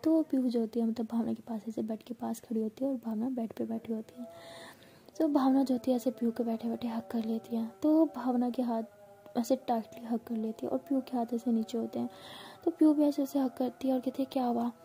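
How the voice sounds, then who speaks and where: A woman's voice: a little high, fairly even intonation, brisk, warm tone. A woman casually retelling a love story in a chatty, repetitive way, often drifting into whispers.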